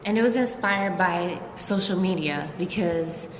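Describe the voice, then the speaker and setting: A woman's voice: fairly low pitch, a little slow, roomy sound, in a large hall, slight background noise. A woman co-hosting a live chat, talking casually and animatedly with lots of filler words. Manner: chatty, animated, full of "like" and "you know".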